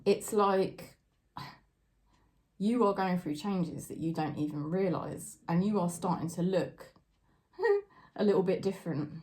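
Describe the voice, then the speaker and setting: A woman's voice: fairly low pitch, very animated, measured pace, long pauses. A woman giving a daily tarot reading to camera, talking in a chatty, heartfelt way about spirit guides and loved ones. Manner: chatty and warm-hearted, tearful and laughing at times. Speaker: tarot reader.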